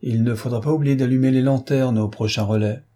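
A man voicing a calm, unflappable gentleman traveller who speaks placidly. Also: medium pitch, fairly quick, lightly acted. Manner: placid, unruffled.

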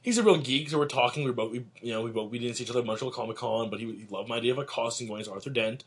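Fast-talking husky young man. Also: mid-range voice. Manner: rambling, jokey, restarts sentences. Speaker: podcast co-host. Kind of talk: casual chat.

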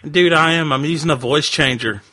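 Man with a deep pitch-shifted voice changer. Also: fairly quick, background noise. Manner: brash, crude, bro-talk, pushy. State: drunk. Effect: voice changer pitching his voice deeper. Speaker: prank caller, radio show host. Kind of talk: prank phone call.

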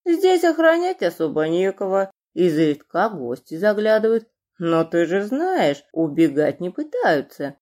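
A woman's voice: on the low side, very animated, measured pace, darkish tone. A woman voicing a fat, balding villainous man who gurgles and squeals, in an audiobook. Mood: oily. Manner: oily menace turning to shrieking. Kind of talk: audiobook character reading.

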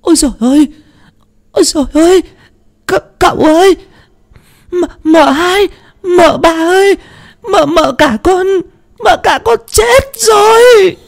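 A woman's voice: very high voice, a little slow, gravelly, pauses often, pitched above the performer's own voice, full character voice. A man voicing a panicked young female servant girl who wails and stammers in terror. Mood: terrified wailing. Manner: wailing, stammering, shrieking.

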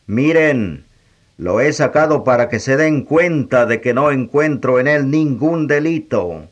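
A man reading the lines of a wary Roman governor, measured and questioning. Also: mid-range voice, lively intonation.

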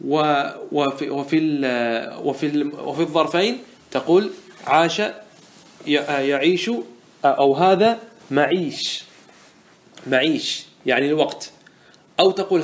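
A man teaching a grammar lesson as a scholar, explaining a classical poem line by line, saying each word form twice and asking his listeners quick questions. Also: fairly high pitch. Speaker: Islamic scholar teaching Arabic morphology.

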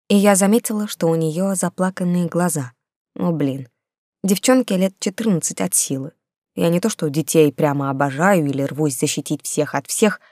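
Brief: female audiobook narrator, first-person fantasy, wry delivery, low-ish, dry studio. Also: a little mellow, no room sound.

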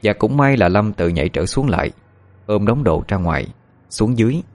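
A man narrates a horror story in a measured way. His voice sits on the low side, and faint music plays underneath. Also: expressive, a little mellow.

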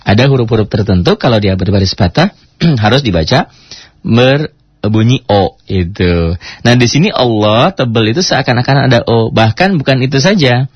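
A man teaching Quran recitation in a relaxed lesson, often pausing to spell out letters and chant words slowly as examples. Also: mid-range voice, slightly rough, dry recording, lo-fi sound.

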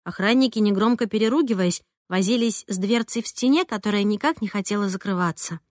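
A woman reading a first-person audiobook in an expressive, lively way. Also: medium pitch, fairly quick, dry recording, clean studio sound. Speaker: audiobook narrator.

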